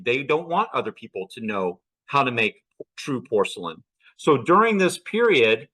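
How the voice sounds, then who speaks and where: Bright-voiced man giving a slide lecture. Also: mid-range voice, rough recording. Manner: poses rhetorical questions and answers them. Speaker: archaeology lecturer.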